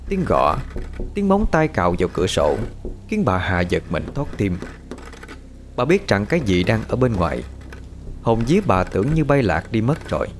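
A man narrating a scripted horror story in a dramatic, expressive way. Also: lowish voice. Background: faint music.

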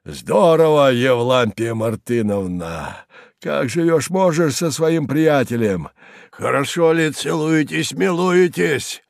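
A man voicing a wild, hoarse old man who booms and jeers. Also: animated, takes it slowly, dry recording, clean studio sound, full character voice. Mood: mocking. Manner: booming, mocking.

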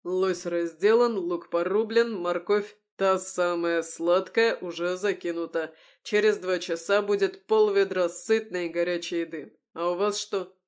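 A woman voicing a burly, cynical male cook who talks in a loud, growling, scoffing way. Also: lowish voice, steady tone, a little slow, hardly any pauses, lightly acted. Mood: gruff.

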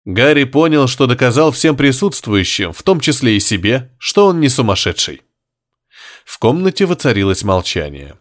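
A male narrator reads a story aloud with theatrical expression. His pitch sits mid-range but moves in a very lively way. The reading is scripted and deliberate. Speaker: audiobook narrator.

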